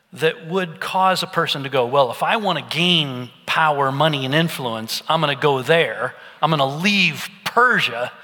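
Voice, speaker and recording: A middle-aged pastor gives an expository sermon with a bright, forceful tone. He teaches in an easygoing, conversational way with a storyteller's touch. His voice rings out in the long reverb of a big church hall. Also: a little high.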